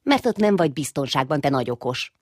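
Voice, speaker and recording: A woman's voice: low voice, big pitch swings, no echo, studio quality. A woman voicing a sporty, know-it-all older brother mouse who teases and grumbles. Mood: teasing. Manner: teasing, grumbling.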